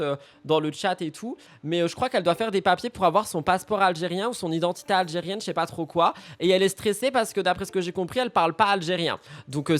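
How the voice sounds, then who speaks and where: A man's voice: high-pitched, fairly bright tone. A man hosting a casual live stream, reacting to celebrity news with campy, teasing, theatrical outbursts.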